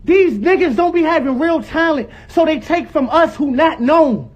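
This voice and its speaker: High-pitched heated young man ranting. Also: expressive, normal speed. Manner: angry, repetitive, rising to yelling. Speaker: former roommate telling his side. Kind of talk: heated live-stream rant.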